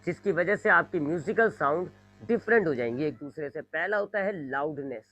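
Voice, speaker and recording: A man's voice: fairly high pitch, lively intonation, a little fast, fairly bright tone, no room sound. Man, physics teacher, repetitive explaining, dull lo-fi sound, faint music behind. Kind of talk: classroom lecture.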